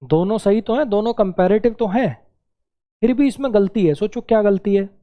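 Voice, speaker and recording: A man teaching English grammar to exam students, explaining step by step, repeating words slowly and asking the class questions. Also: high-pitched, dull audio.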